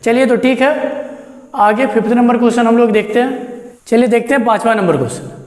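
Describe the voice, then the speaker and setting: A man's voice: extremely high pitch, a little fast. A man teaching math who works through each step, asking questions and answering them himself in a chatty, encouraging way. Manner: explains step by step, asks and answers his own questions. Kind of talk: classroom lesson. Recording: echoey room with long reverb.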